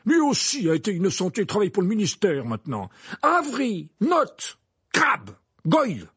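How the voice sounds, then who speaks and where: Reading a storybook, a man puts on a pompous, stubborn minister who gets flustered and defensive, stammering and repeating words in indignation. The exaggerated voice is high-pitched, breathy and fairly bright, pitched above the performer's own, with huge up-and-down swings at a moderate pace. The recording is close and dry.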